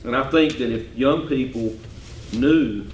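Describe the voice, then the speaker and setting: A man's voice: medium pitch, a little slow, slight background noise. A man, a sheriff speaking emphatically at a club meeting and repeating himself. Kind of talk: casual talk at a club meeting. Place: meeting room. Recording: echoey room, distant mic.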